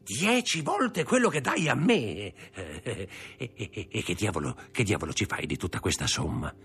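A man reading aloud voices a crafty, greedy older man who stammers and whines with fawning, tearful flattery. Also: on the low side, moderate pace, breathy edge, soft background music, full character voice. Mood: wheedling.

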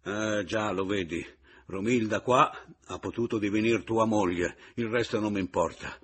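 A man doing a booming, teasing man toying with a rival. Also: normal speed, husky. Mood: mocking. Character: mocking, jovial man back from the dead.

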